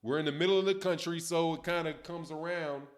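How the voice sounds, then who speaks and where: Brisk and steady in tone, with a fairly high pitch, a middle-aged Chicago-accented man hosts a boxing channel stream. He chats casually in slang and goes through viewer comments while seated at a desk with a webcam in a dim room at home.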